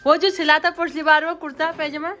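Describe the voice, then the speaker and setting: A woman's voice: high-pitched, fairly quick, slight background noise. A woman in her thirties vlogging casually from her rural family home, chatting to viewers and her children. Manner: chatty, addresses viewers as guys, lively with the kids. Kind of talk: casual home vlog chat.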